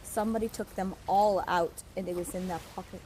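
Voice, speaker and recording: A woman's voice: medium pitch, fairly even intonation, a little fast, warm tone, rough recording. Woman, game roleplay crew member, blunt, complaining, light background noise. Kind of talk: casual in-character game chat.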